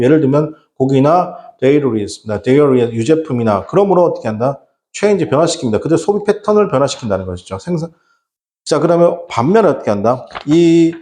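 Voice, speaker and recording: This man's voice sits fairly high, with a darkish tone and a roomy sound. He teaches English exam prep in Korean, posing rhetorical questions and answering them himself while tossing in casual slang asides. He keeps repeating "어떻게 한다?".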